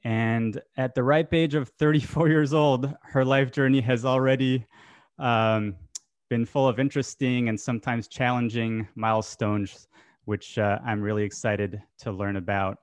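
A man hosting a podcast interview, asking friendly, unhurried questions with some fillers. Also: mid-range voice, steady tone, dry recording. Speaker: podcast host.

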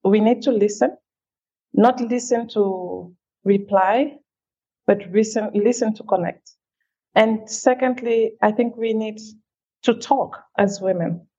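A feminist leader from Cameroon gives reflective answers as an interview guest, her middling-pitched voice dark and husky. She speaks thoughtfully and measuredly but speeds up on side remarks. The audio is a little dull and lo-fi.

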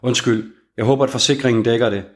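A man voicing a hunted young man on the run, speaking quietly and tensely. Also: medium pitch, steady tone, close to an everyday voice. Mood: urgent.

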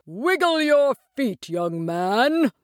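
A woman voicing a grand, showy male circus ringmaster in a storybook reading, announcing with slow flourish. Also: sing-song, no room sound, clean studio sound, full character voice. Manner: booming showman announcements. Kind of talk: storybook character voice.

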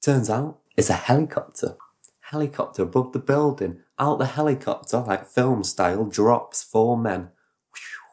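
A man's voice: mid-range voice, normal speed. Man rambling through a story. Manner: rambling, animated retelling with sound effects. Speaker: podcast host. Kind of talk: casual storytelling chat.

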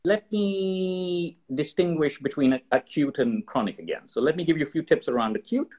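A man being interviewed as an expert, explaining ideas with lively stories and acted-out examples. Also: on the high side, moderate pace. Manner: animated storyteller, acts out examples in voices. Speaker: guest expert. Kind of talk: conversational interview.

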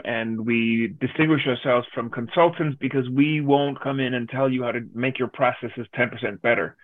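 A man's voice: mid-range voice, no echo. A man from Denmark, a guest business advisor, answering interview questions in a direct, emphatic way over a video call. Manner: direct, emphatic, lists points. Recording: tinny phone-like line.

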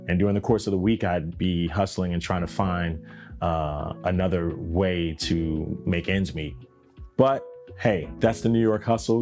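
Deep-voiced man telling his story. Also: darkish tone. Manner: conversational, reflective, drawn-out emphasis. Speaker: podcast host. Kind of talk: personal storytelling.

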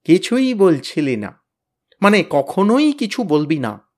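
A man voicing a bossy, blustering teenage boy who leads his gang, loud, threatening and boastful. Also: high-pitched, big pitch swings, slow pace, pitched above the performer's own voice, exaggerated voice. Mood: bullying. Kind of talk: storybook reading.

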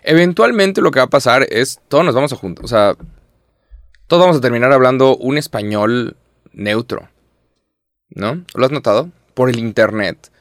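A young man with a Mexican accent chats casually, animated and slangy, with curses thrown in. His voice sits at a middle pitch. The recording is close and dry. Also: normal speed, dry recording. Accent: Mexican Spanish. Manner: animated, slangy, rambling with swearing. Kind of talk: casual chat.

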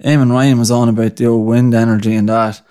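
A man's voice: medium pitch, little pitch movement, fast, dark tone, clean tone. A young Irish man hosting a podcast alone, rambling in a casual, mocking rant full of fillers. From Ireland. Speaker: podcast host.

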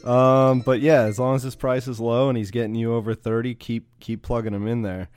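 A man's voice: mid-range voice, flat delivery, a little fast, darkish tone, smooth, soft background music. A man hosting a casual sports betting podcast, steadily listing his picks one by one.

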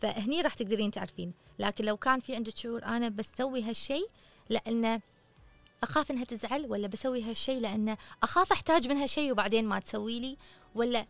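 A woman's voice: a little high, quick pace, fairly bright tone, faint music behind. A woman hosting a podcast, giving earnest, coaching advice in a casual way and putting questions to her listeners. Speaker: podcast host.

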